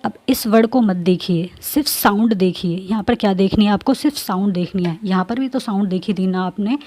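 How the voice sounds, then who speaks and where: A woman's voice: mid-range voice, brisk, warm tone. A woman teacher explaining a grammar lesson to students, repeating her points and checking in with them often.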